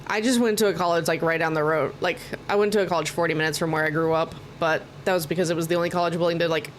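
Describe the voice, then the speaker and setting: A rapid-fire talker with a fairly low pitch and steady tone, this Oklahoma woman rambles informally while streaming a video game. She swears once in a while and sounds a little tired, and noticeable background noise comes through behind the mic.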